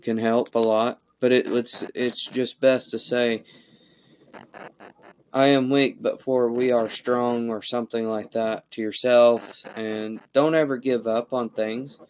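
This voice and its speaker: Man hosting a casual interview, slow and meandering delivery. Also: medium pitch, level tone, rough recording. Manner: rambling, repeats words while he searches for a thought.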